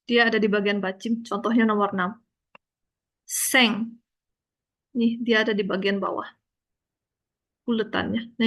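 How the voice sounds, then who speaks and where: A woman teaching a language lesson, explaining slowly and patiently and checking often that her student understands. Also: on the high side. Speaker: Korean teacher.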